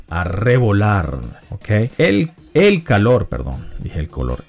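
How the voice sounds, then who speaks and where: A man's voice: on the low side, a little mellow. A man hosting a vocabulary quiz, patiently explaining and repeating each answer and its definition. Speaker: quiz host and organizer.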